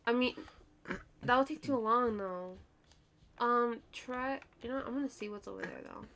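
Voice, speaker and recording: A woman's voice: fairly high pitch, normal speed, a bit bright. A woman playing a co-op video game, chatting casually and laughing often. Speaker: gamer. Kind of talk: casual co-op gameplay chat.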